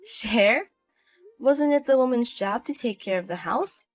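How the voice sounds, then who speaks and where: A woman with a fairly high voice, acting out a scripted drama with a cold, cutting and dismissive manner. Soft music plays under her lines. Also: lively intonation, a little slow. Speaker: narrator and wife in a voiced story.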